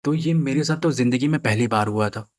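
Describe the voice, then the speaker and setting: A young man tells a personal story in an earnest, unpolished way. He often stumbles, repeats himself and starts his phrases over. His voice sits at an ordinary middle pitch for a man. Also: a little fast. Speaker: storyteller sharing a personal experience.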